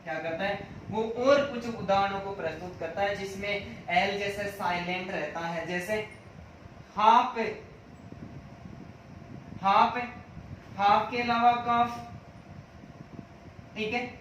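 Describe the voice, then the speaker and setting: A man's voice: high voice, a bit bright, slight background noise. Man lecturing in a far-off, echoing room. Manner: repeats each question and answers it himself, drilling points. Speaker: teacher. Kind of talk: exam-prep lecture.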